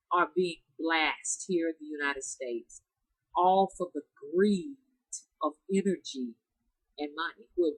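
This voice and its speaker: Sinus congestion gives a nasal edge to this spiritual practitioner's low, slightly bright voice as she chats folksily with viewers. She calls herself Mama and addresses them as y'all, in a dry, low-quality recording.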